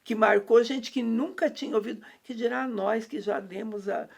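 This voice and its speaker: Uma mulher brasileira fala de fé num bate-papo informal. Tem uma voz rouca e áspera. Conta histórias bíblicas com calma, enchendo as frases de "né" e "sabe". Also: female voice, on the high side, moderate pace, gravelly. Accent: Brazilian Portuguese. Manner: preachy storytelling, many fillers and tag questions. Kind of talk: casual faith chat.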